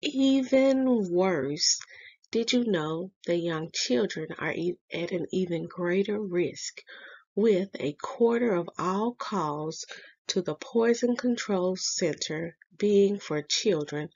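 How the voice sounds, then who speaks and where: A woman reading scripted school morning announcements to pupils as a staff announcer, in deliberate, measured phrases. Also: on the low side, darkish tone, muffled recording.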